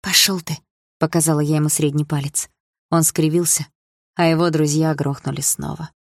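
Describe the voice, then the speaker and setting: A woman narrating a first-person novel as an audiobook, in a tense, steady manner. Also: deep voice, fairly quick, gravelly, dry recording, clean studio sound.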